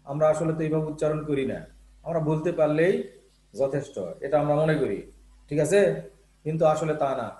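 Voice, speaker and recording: A man's voice: on the high side, brisk, pauses often, dark tone. Echoey patient male Bangla teacher. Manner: explains patiently, repeats terms and checks with "ঠিক আছে?". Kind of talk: classroom lesson on Bangla phonetics.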